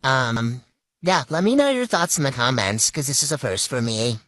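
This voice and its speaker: A woman in her thirties, her voice run through a deep pitch-shifting voice changer, telling a story casually to viewers with frequent "um" pauses. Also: expressive, fairly bright tone, no room sound. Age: 30s.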